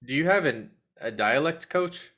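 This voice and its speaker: A man's voice: on the high side, animated, normal speed, sharp tone. A man hosting an interview, asking hesitant questions with fillers. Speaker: interview host.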